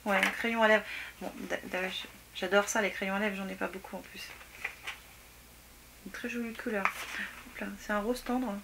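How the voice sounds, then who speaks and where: A woman chatting casually as she opens fan mail at home, exclaiming and often dropping to soft near-whispers. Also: medium pitch, steady tone, normal speed, gravelly, long pauses. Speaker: beauty vlogger opening fan mail. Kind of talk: casual unboxing chat. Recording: noisy home recording with clicks.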